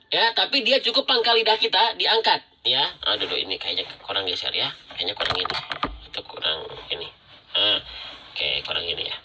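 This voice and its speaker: A man's voice: high-pitched, pushed and bright, a little hiss or hum. A man teaching Quran recitation rules in a live-streamed lesson, patiently repeating and demonstrating letter sounds and thanking viewers.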